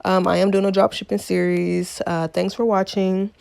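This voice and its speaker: A woman's voice: mid-range voice, flat delivery, moderate pace, vocal fry, darkish tone, clean tone, no echo. A woman who hosts a channel as a coach, narrating a casual screen-recorded tutorial. She talks through each step loosely, repeats short phrases, and is out of breath. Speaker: dropshipping coach and channel host.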